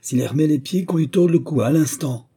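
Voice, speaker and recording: A man voicing a threatening male wind spirit in a storybook reading, shouting commands. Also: lowish voice, steady tone, a little fast, natural voice. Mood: scornful.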